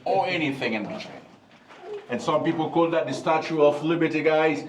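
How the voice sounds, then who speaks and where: A man's voice: on the high side, moderate pace, slight background noise. Joking male tour guide with cave echo. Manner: joking, chatty. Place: inside a limestone cave. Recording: echoey cave, voice from a distance.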